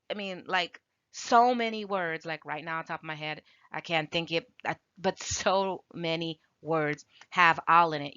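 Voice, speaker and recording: A woman's voice: lowish voice, bright, forceful tone, no echo, muffled recording. A woman giving an informal video lesson on a language, arguing her points firmly with rhetorical questions. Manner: emphatic, rebutting with rhetorical questions. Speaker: language teacher.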